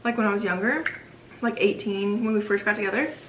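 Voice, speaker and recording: A woman's voice: mid-range voice, a little fast. Chatty young woman in an echoey room. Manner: chatty, says "like" a lot. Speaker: vlogger and host. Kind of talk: casual Q&A chat while eating. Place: home room. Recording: echoey home room with noise.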